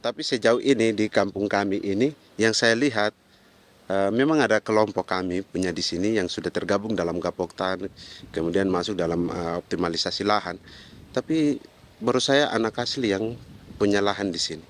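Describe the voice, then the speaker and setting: A man's voice: fairly low pitch, normal speed, a little hiss or hum. A man from a Papuan village, speaking hesitantly with fillers in a casual interview.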